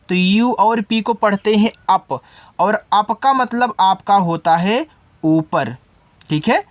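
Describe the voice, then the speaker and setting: Male language teacher, slow and patient, spells words out letter by letter and answers his own questions, dead dry recording. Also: high-pitched, no room sound. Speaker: English teacher. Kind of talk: step-by-step spelling lesson.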